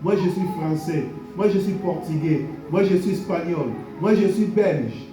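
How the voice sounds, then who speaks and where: With music underneath, a pastor speaks in an unhurried, high voice, preaching to a congregation in a church hall. He repeats blessings and key phrases, and amens come back to him. The recording is distant and echoey.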